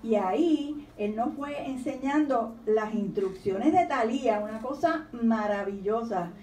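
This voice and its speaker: A woman speaks on a panel and reads her poems aloud to an audience, with a fairly high voice and a lilting storytelling tone. She is recorded from across an echoey lecture room. Faint room ambience sits under the voice. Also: expressive, a little slow, mellow, far from the mic, a little hiss or hum. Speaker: children's author giving a talk. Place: university library lecture room.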